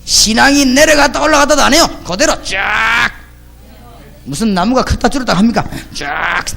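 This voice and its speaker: Animated high-pitched male preacher. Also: normal speed, creaky. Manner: colloquial storytelling with rhetorical questions to the congregation; emphatic, punchy exclamations. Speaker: pastor. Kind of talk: sermon.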